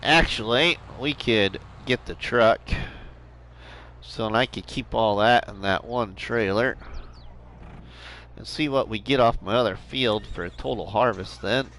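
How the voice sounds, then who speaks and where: A man's voice: on the low side, a little slow, fairly bright tone, slight background noise, low-quality recording. A middle-aged man streaming a farming game live, chatting and joking with viewers and laughing often. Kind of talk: live gameplay chat with viewers.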